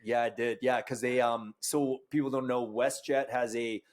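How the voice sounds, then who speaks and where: A man hosts a relaxed podcast, chatting over beers. He is laid-back, swears freely and fills his talk with likes and ums. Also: medium pitch, normal speed. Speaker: podcast host. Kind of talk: casual chat. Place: bar or home studio, drinking beer with guest.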